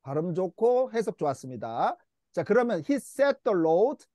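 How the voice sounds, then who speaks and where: A man with a high, animated voice leads a church English Bible lesson, drawing out words and having the class echo them back. His tone is patient and coaxing. The sound is close and dry, with no room echo. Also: measured pace. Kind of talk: church English lesson, call-and-response drills.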